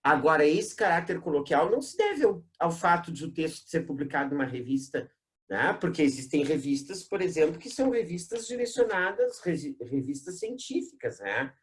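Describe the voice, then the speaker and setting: Lively Brazilian teacher full of tag questions. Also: medium pitch. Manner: peppers sentences with tag questions, drawn-out emphasis on key terms. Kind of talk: recorded exam-prep class.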